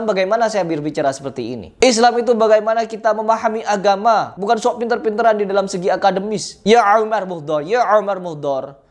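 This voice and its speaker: Indignant preachy man, higher voice. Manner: indignant, preachy, rhetorical questions. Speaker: religious commentator reacting to videos. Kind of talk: reaction commentary.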